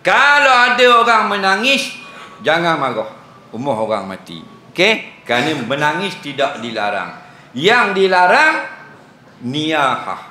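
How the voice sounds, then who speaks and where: A male religious teacher with a Terengganu Malay accent delivers a jovial evening lecture full of teasing asides. His bright voice swoops widely in pitch. It rings through an echoey prayer hall with a faint hum of ambience. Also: wildly swooping pitch, a little slow. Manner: jovial and teasing, laughs often.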